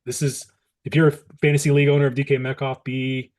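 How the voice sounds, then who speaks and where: A man's voice: mid-range voice, level tone, fast talker, darkish tone. A man co-hosting a sports podcast, explaining plays and news and clarifying details for listeners. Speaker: podcast co-host. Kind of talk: casual sports chat.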